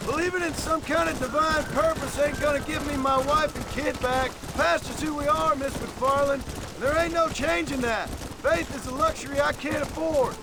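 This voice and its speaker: An actor playing a stoic, world-weary cowboy with a drawling American accent in a western video game. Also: male voice, very high-pitched, fairly even intonation, normal speed, noisy background. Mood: resigned. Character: stoic, world-weary male cowboy outlaw, dry and polite.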